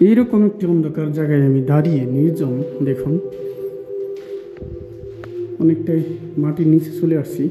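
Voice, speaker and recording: A young man speaks softly as he explores a deep underground bunker, his voice echoing off the chamber walls. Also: normal speed, long pauses. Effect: cavernous echo off the concrete walls of an underground chamber. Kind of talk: hushed exploration vlog. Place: underground bunker rooms, indoors. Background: music.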